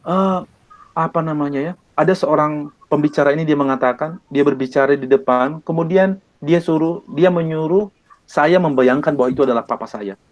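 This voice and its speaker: A man from Indonesia, an evangelist, telling his personal testimony in an earnest way, with many pauses and repeated phrases. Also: a little high, highs cut off. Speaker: evangelist guest.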